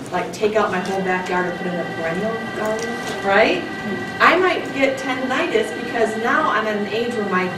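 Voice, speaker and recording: A woman giving a conversational classroom lecture, often asking the class "right?". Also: mid-range voice. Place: large darkened lecture room. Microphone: distant camera in the audience. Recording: echoey room, voice from far off, noisy.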